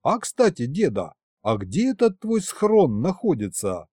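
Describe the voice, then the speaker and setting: A man's voice: on the high side, wildly swooping pitch, a little slow, warm tone, breathy edge, no echo, clean studio sound, full character voice. A man doing a wry cheeky young hero. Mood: wry teasing. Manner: wry, teasing.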